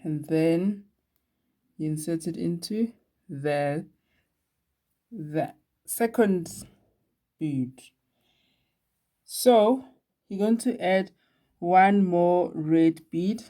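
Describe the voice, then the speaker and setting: A woman's voice: on the low side, extremely slow, long pauses, dark tone. A woman hosting a casual beadwork tutorial, chatty and laughing at herself now and then. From Eswatini. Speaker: beading tutorial host.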